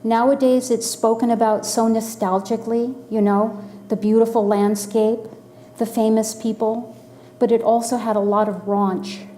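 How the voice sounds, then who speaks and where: A woman in her sixties from the Los Angeles area, telling a personal story in a measured, dryly humorous way. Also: a little high, flat delivery, mellow, slight background noise. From Los Angeles area, USA.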